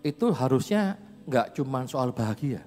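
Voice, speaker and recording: Animated man preaching in a church hall. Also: mid-range voice, moderate pace. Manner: chatty, animated storyteller who laughs often. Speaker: pastor. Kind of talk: sermon with personal storytelling. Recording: reverberant church hall, faint music.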